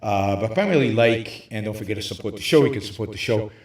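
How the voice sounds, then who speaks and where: A man hosting a livestream, lecturing emphatically from a hotel room with very high ceilings, his voice carrying a hollow cave-like echo. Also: fast. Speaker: show host. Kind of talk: livestream talk on philosophy.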